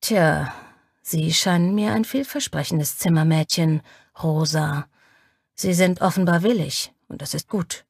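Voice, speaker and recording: A woman doing a low, commanding male lover. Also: gravelly, darkish tone, slightly rough, no echo, clean studio sound, exaggerated voice. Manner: slow, low and authoritative. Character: commanding man, stern and playful lover.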